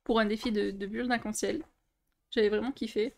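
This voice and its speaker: A woman's voice: medium pitch, steady tone, brisk, creaky, a little mellow. A young woman, chatting casually in a vlog as she shows her coloring books, with many fillers and restarts. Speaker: coloring book youtuber. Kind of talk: casual show-and-tell vlog.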